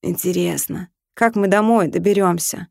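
A woman voicing a red-bearded male dwarf who speaks slowly and sighs, sometimes dreamy and sometimes gloomy. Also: lowish voice, gravelly, no room sound, clean studio sound. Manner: slow, sighing.

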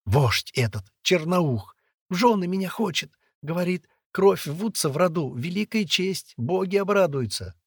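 A man reading aloud and voicing a spirited, bossy little girl who chatters in hushed, urgent tones. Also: on the high side, animated, normal speed, husky, no echo, studio quality, pitched above the performer's own voice. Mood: tearful.

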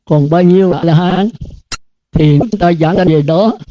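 A man's voice: on the high side, measured pace, warm tone. An older man, a Buddhist monk, giving a dharma talk to students in an earnest, repetitive cadence full of rhetorical questions. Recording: dull lo-fi dry recording.

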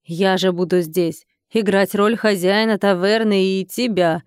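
A woman voicing a calm, self-assured scheming man in an audiobook, cool and mildly mocking. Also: medium pitch, unhurried, clean tone, no echo, clean studio sound, lightly acted. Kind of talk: audiobook character reading.

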